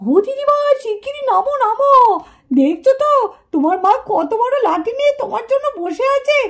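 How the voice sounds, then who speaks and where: A woman voicing a gentle grandmother in a puppet cartoon who calms and coaxes the family. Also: very high voice, a little fast. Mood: coaxing. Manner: coaxing, calming.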